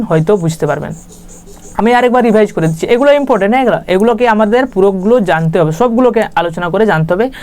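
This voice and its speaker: A woman's voice: medium pitch, a little mellow. A woman teaching English grammar in a casual, chatty way, often checking that listeners follow along. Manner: chatty, with repeated "right?" check-ins. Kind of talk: casual spoken lesson.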